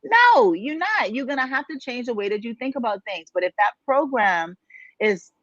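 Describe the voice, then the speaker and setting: A woman's voice: on the high side, big pitch swings, moderate pace, dry recording. Female life coach from the Bahamas, preachy and emphatic, dry and dull lo-fi audio. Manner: emphatic, preachy, asks rhetorical questions. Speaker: life coach and podcast co-host. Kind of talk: motivational podcast talk.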